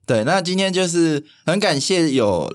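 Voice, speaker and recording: 一位带台湾口音的男主持人，用轻松聊天的方式做播客，说话爱开玩笑、常带笑意。. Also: male voice, a little high, sing-song, normal speed. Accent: Taiwanese. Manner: jokey, laughs often. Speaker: podcast host. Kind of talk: casual, bantering podcast chat.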